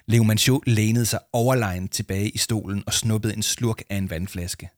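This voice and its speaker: A man reading a children's audiobook as narrator in a steady storytelling manner. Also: fairly low pitch, no echo, studio quality. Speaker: audiobook reader. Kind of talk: scripted narration.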